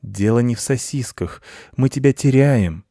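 A man's voice: medium pitch, a little slow, gravelly, warm tone, no echo, studio quality, pitched above the performer's own voice. A man voicing a lazy, self-important male house cat who lectures in a storybook reading. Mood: lecturing. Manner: pompous and lecturing.

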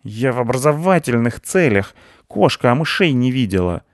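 A cocky red village tomcat from a children's storybook, as a man puts him on, loud and pushy. He brags in rough, folksy speech about his mouse hunting. Dry, close sound. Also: mid-range voice, very animated, moderate pace, no echo, pitched above the performer's own voice. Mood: boastful.

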